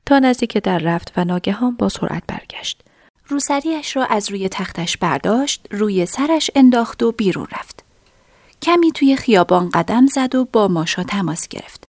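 A woman narrating a story in a soft, half-whispered reading voice. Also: medium pitch, animated, no room sound, studio quality.

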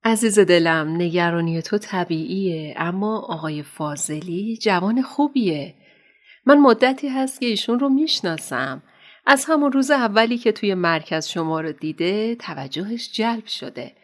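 An actress playing a kindly, motherly woman doctor who counsels young women, speaking gently and affectionately in a radio drama. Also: medium pitch, expressive, natural voice. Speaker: counselor at an Islamic center.

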